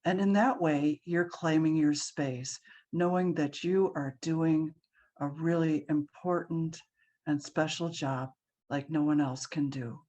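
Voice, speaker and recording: Slow, soft-spoken woman guiding relaxation. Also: low voice, steady tone, lo-fi sound. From Hawaii. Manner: slow, soft and soothing, with frequent ums. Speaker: meditation guide. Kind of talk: guided relaxation class.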